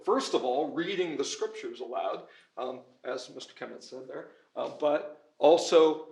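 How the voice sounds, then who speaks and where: Frequently asking "right?" to check in with his listeners, this pastor and schoolteacher delivers an earnest, informal conference talk and takes audience questions. He also speaks at conferences. His voice is on the high side and fairly bright, recorded in an echoey church-and-school room before an audience.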